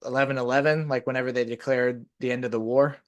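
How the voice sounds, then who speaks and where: He talks fast, with a medium pitch and little pitch movement, as he hosts a podcast. The chat is casual, and he rambles through long stories while dropping in many "like" fillers.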